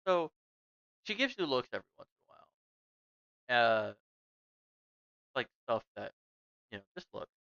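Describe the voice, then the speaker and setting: Game master narrator: clear smooth voice, improvising casually, dry and slightly dull recording. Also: medium pitch, very animated, moderate pace, pauses often, fairly bright tone, dry recording.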